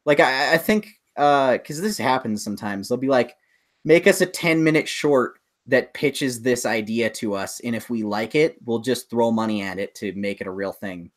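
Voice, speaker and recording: At a moderate pace and medium pitch, a man co-hosting a podcast rambles enthusiastically through a casual conversation about films and games, explaining as he goes.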